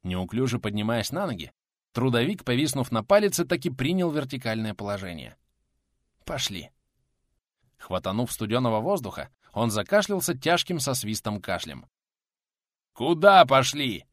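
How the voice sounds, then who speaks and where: A man reading an audiobook aloud in a dramatic, expressive style. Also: medium pitch, fairly quick, no room sound. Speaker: audiobook narrator. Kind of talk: scripted audiobook narration.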